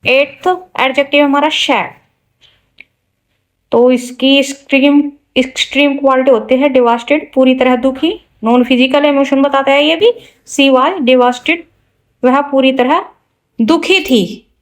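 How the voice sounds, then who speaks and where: A woman teaching English vocabulary, speaking slowly and deliberately through each example, with casual asides to the listener. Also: sits high, steady tone, rough recording. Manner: slow and deliberate, spelling out examples word by word. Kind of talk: explaining a vocabulary lesson.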